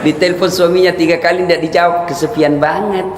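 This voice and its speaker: A middle-aged man from South Sulawesi, giving a comic sermon in an animated, joking way with sudden shouts. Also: fairly high pitch, quick pace, a loud crowd, heavy background noise. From South Sulawesi, Indonesia. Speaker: preacher. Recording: echoey hall, faint ambience.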